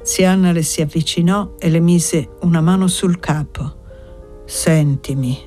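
A woman narrating a novel aloud in a measured, dramatic reading style. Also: on the low side, little pitch movement, warm tone, soft background music. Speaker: audiobook narrator. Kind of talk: scripted narration.

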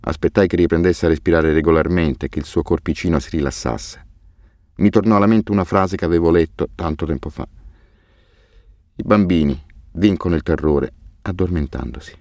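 A man narrating a novel in the first person, measured and somber. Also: low voice, a little mellow, no room sound, studio quality. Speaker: audiobook narrator.

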